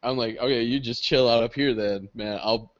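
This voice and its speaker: A young man, the podcast co-host, telling a story in casual chat, animated and swearing freely, laughing often. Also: mid-range voice, moderate pace. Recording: dull lo-fi podcast audio.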